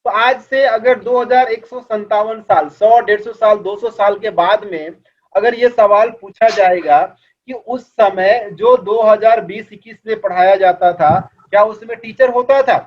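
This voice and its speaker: Male teacher, high-pitched, muffled lo-fi recording; patient online lecture with questions to students. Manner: explains in Hindi, reads English lines slowly; asks students questions as if in class. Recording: dull lo-fi recording.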